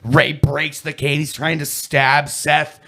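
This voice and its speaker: A man co-hosting a casual podcast, his voice a bit high for a man and gravelly with fry. He tells his story with animated, swearing energy. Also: slow pace. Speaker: podcast co-host. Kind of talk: casual chat.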